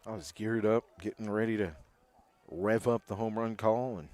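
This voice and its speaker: A man's voice: fairly low pitch, moderate pace, a little mellow. A man doing live baseball play-by-play, with a home run call style that stretches out on big hits.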